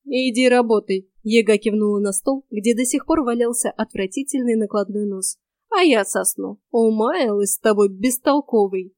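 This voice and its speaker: Woman voicing a cranky old storybook witch, folksy and scolding, a bit high, dry close sound. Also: normal speed, a little mellow, no echo, close to an everyday voice. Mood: weary.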